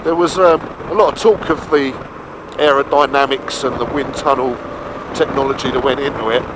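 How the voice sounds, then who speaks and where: A man's voice: mid-range voice, fairly even intonation. A man giving casual, colloquial review commentary from inside a helmet while riding a motorbike. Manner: colloquial, unhurried thinking aloud. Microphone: mic inside or on the helmet. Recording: muffled helmet mic, clear wind and engine noise.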